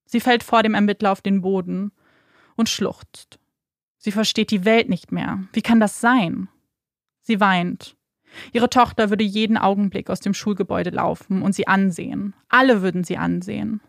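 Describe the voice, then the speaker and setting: A woman narrating a true-crime podcast in a measured, dramatic storytelling manner. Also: medium pitch, steady tone, gravelly, no echo, studio quality.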